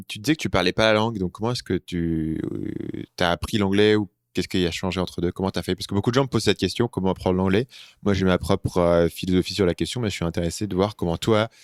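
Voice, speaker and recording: A man from France hosting a podcast, asking curious, relaxed questions with some fillers. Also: deep voice, fast talker, dry recording, studio quality. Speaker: podcast host. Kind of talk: casual podcast interview questions.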